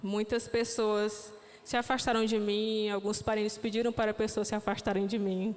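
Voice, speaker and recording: A woman's voice: mid-range voice, little pitch movement, normal speed, darkish tone. A young woman giving a reflective testimony sermon at a youth church service, with frequent questioning tags. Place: church hall. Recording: long church hall reverb.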